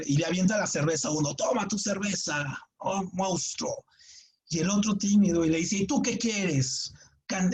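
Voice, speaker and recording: A man's voice: a little high, a little mellow. A man teaching a creative writing workshop, explaining in a chatty, digressive way and often checking with his students. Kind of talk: classroom lecture with anecdotes.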